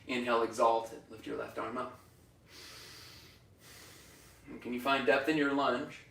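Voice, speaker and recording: A man's voice: mid-range voice, a little fast, vocal fry. Man cueing yoga in a roomy studio. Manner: calm directive cueing, breath-paced. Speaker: yoga teacher. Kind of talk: guided yoga class instruction. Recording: roomy studio echo from far off.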